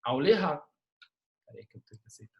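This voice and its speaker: A young adult man with a Brazilian Portuguese accent, teaching an online literature class in a lively, joking way and reading short poems aloud. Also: a little high, quick pace, highs cut off.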